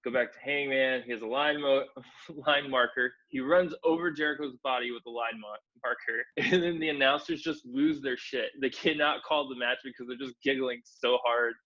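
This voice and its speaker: On a casual wrestling review podcast, a male co-host with a mid-range, fairly even voice and a sharp tone recaps the action at a moderate pace. He swears freely and laughs through his recaps, and the sound is lo-fi.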